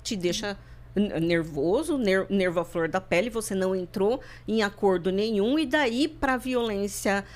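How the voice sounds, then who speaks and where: A woman's voice: mid-range voice, measured pace, a little mellow. A woman from Brazil speaks as a podcast guest. She talks in a reflective, searching way, repeating and restarting her words as she works through what she means. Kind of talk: personal interview talk.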